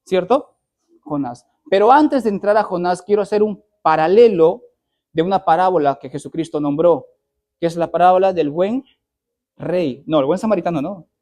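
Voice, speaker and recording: A man preaching a sermon, reading scripture aloud with loud emphatic rises and asking the congregation questions. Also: high-pitched, moderate pace. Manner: preaches with rising loud emphasis, frequent throat clearing.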